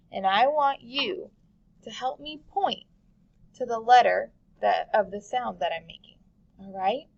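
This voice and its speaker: A woman leads a phonics lesson for small children. She speaks very slowly and stretches each letter sound so the kids can copy it. Her voice has a light gravelly creak. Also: fairly high pitch. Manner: slow, patient, exaggerated letter sounds. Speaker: teacher.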